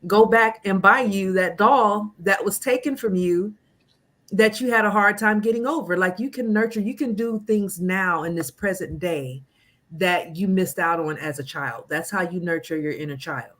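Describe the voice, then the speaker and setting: A woman in her forties speaks as a guest coach, earnest and animated. She tells personal stories in a casual interview, at an ordinary middle pitch. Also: moderate pace. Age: 40s. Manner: earnest, animated storytelling with mimicked voices.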